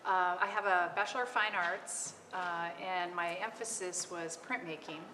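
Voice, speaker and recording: A middle-aged Californian artist speaks unscripted on a live panel in an art gallery, her low voice hesitant, fairly even in intonation, and filled with ums. A long reverb rings around her words over a clear hum of noise.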